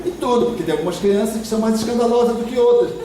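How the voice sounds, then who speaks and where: Brief: Brazilian male lecturer, high-pitched, animated storytelling, recorded from afar in a reverberant hall with faint noise. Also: very fast. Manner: expressive, acts out parents and children. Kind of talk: spiritist lecture. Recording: echoey hall from far off.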